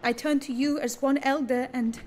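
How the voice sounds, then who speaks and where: A woman's voice: sits high, steady tone, normal speed, a little mellow, soft background music, close to an everyday voice. An actress playing a proud, troubled noblewoman with formal, courtly diction in a fantasy game. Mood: troubled, resigned. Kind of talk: dramatic fantasy game acting.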